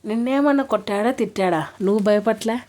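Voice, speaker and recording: A woman's voice: medium pitch, fast, a little mellow, natural voice. A woman voicing a mischievous young woman who playfully teases her friend in a storybook reading. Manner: playful, teasing.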